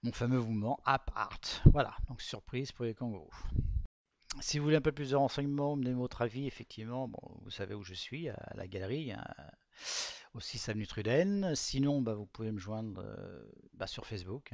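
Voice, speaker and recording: A man's voice: mid-range voice, moderate pace, creaky, a little mellow, no echo, dull audio. A man presenting his own artwork to viewers in a casual, hesitant way, with many fillers and restarts. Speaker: artist presenting his work.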